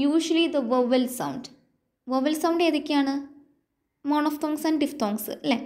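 A woman with a Malayali accent teaching an exam-prep lesson. She dictates definitions slowly and asks the viewer check questions. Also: high-pitched, darkish tone. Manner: slow English definitions dictated, then explained. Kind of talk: exam-prep lecture mixing Malayalam and English.

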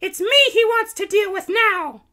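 Storybook cat princess, very high-pitched, theatrical, proud and defiant. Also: male voice, measured pace, pushed and bright, heavily acted. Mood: defiant, triumphant. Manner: theatrical, declaiming.

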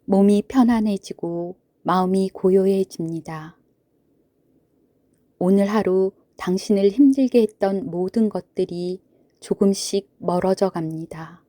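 Slow, soothing woman narrating for sleep. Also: mid-range voice, no room sound. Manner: soothing, gentle, hushed, with long pauses. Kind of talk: sleep story narration, guided Buddhist relaxation.

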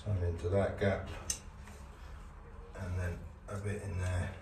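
A fairly low-voiced man explains his boat build step by step in a plain, practical way while he works. He drifts toward and away from the camera mic inside an echoey hollow hull, with clear tool and work noise behind him. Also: little pitch movement, slow pace, distant mic. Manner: practical, matter-of-fact, talks while working. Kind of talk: casual how-to narration. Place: inside a narrowboat hull under construction. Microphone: camera mic, speaker moving near and away.

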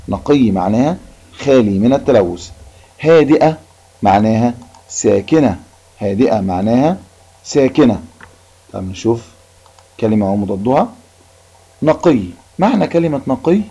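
A man with an Egyptian accent teaching an Arabic lesson, reading a passage and explaining it in colloquial speech, repeating each point slowly. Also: mid-range voice, warm tone, breathy edge. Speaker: primary school Arabic teacher. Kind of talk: recorded classroom lesson. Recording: dull lo-fi recording.

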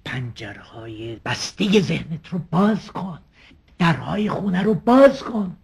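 A pushy male psychiatrist with a gravelly, husky edge. His questions come insistent and coaxing, and his pitch swings widely as he presses his patient. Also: big pitch swings, full character voice. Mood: probing.

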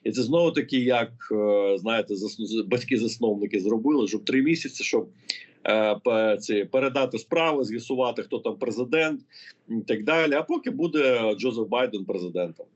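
A political analyst with a mid-range voice answers interview questions a little fast, explaining things and thinking aloud as he goes. The audio is muffled and lo-fi.

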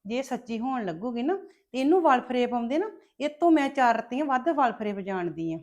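An actress playing a scheming, sharp-tongued sister-in-law who accuses and taunts the family. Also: female voice, a little high, expressive, fairly quick. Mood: taunting. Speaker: actor in a family web drama.

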